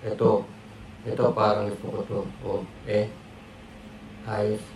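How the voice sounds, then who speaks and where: A Filipino man, a product reviewer, gives a casual, rambling unboxing and demo in short fragments. His low voice barely moves in pitch, comes slowly, and sounds creaky and a little mellow. It was captured on an amateur karaoke mic in an echoey, noisy room.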